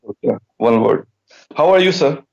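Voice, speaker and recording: A man's voice: medium pitch, animated, normal speed, creaky, darkish tone. A hesitant male caller on a dull line. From Switzerland. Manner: hesitant, many fillers and repeats. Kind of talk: phone-in debate.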